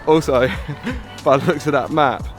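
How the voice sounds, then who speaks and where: A man's voice: medium pitch, a little fast, soft background music. A young man vlogging outdoors on a mountain hike, chatty, swearing and out of breath. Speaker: travel vlogger. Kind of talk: casual travel vlog.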